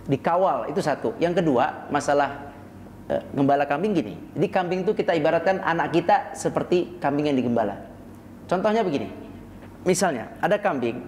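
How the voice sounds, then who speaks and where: Male preacher, lively storytelling lecture, slightly high voice, long room reverb. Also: a little hiss or hum. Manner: animated, acts out scenes with sudden high-pitched shouts; uses frequent rhetorical tag questions. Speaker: Islamic preacher. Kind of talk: casual religious lecture. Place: prayer room in an office tower.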